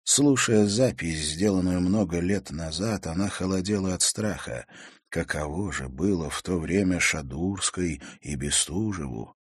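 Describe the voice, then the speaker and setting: Male audiobook narrator, low voice with lively melody, dry close sound. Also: husky, no echo. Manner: measured storytelling.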